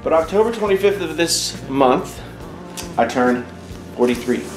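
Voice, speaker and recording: A man's voice: fairly high pitch, expressive, unhurried. A man in his forties talking casually in a wry, chatty way, speaking straight to his viewers in an unboxing vlog. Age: 40s. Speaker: tech YouTuber host. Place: home room. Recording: roomy echo with faint music.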